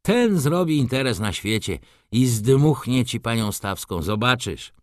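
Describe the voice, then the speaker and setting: An excitable old shop clerk, as a man reading the book puts him on, fussing and coaxing in a raised, lively voice that leaps up and down. His talk is eager and chattering, and the dry, close reading leaves no room sound around him. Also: medium pitch, unhurried, no echo, voice pushed up, close to an everyday voice. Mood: chattering, gossipy.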